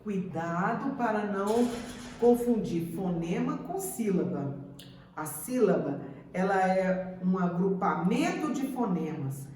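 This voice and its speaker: A woman teacher giving a slow, deliberate grammar lesson, repeating example words. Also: mid-range voice, lively intonation, darkish tone. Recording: echoey room, mic at a distance.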